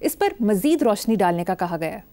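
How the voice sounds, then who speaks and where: A woman's voice: medium pitch, sing-song, moderate pace, dark tone, a little hiss or hum. Polite, formal woman hosting a talk show. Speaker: host.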